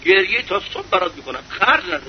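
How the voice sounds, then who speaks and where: A stingy miser speaks in a lowered, mock-sympathetic voice, offering tears instead of bread, as a preacher acts him out. The recording is slightly dull and carries a faint hiss. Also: male voice, sing-song. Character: stingy man who weeps but won't share.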